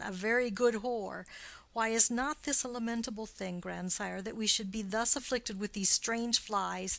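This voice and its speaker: A woman's voice: a little high, gravelly, fairly bright tone, no room sound. A woman voicing a witty, mocking young male nobleman in an audiobook play reading, with teasing, theatrical wordplay.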